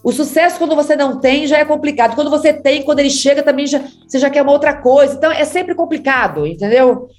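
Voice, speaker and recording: This Brazilian actress, an interview guest, speaks in a high-pitched, slightly mellow voice, fast and with hardly any pauses. She laughs, talks a lot and tells casual career stories in a Brazilian Portuguese accent, over faint background music.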